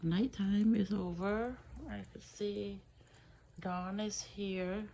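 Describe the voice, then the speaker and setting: A woman who has just woken up, talking through a rambling, hesitant morning vlog from her living room couch, with lots of fillers and soft chuckles. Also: medium pitch, fairly even intonation, slow pace, a little hiss or hum, low-quality recording. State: groggy, just woke up. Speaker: vlogger.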